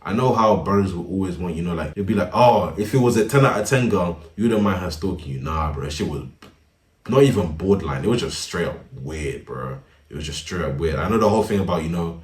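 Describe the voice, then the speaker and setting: Deep-voiced young man, roomy. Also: far from the mic. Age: young adult. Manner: laid-back slangy, laughs often. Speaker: storyteller. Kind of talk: casual storytime narration. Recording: roomy, a bit off-mic.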